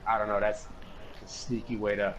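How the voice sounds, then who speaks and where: A man's voice: fairly low pitch, flat delivery, moderate pace, noisy background. A man hosting a parody political panel, rambling with lots of fillers and repeated words in an improvised online chat. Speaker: mock political panel host. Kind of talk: improvised parody talk show.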